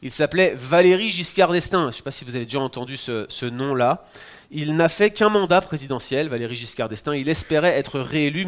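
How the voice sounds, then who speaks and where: A man in his forties from France with a French accent, giving a sermon as pastor in a conversational, teaching way with touches of humor. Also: fairly high pitch. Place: church in Quebec.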